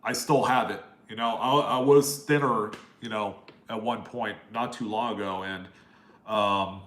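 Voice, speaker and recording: A fairly low, steady voice, somewhat bright and measured, belongs to a nasal-voiced young host from Maryland running a casual live Q&A. He rambles amiably, reading viewer names and answering their questions in an echoey room.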